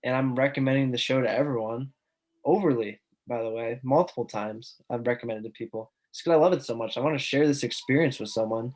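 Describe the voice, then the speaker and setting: A man's voice: mid-range voice, a little fast, a little mellow. Earnest, enthusiastic young male co-host. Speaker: podcast co-host. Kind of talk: casual podcast chat.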